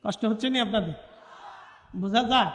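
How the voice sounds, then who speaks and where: A man preaching an impassioned sermon, shouting and chanting as he calls on the crowd to answer back. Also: sits high, normal speed. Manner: fiery, shouting, chanting call-and-response with crowd. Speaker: Islamic preacher. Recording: echoey hall with long reverb.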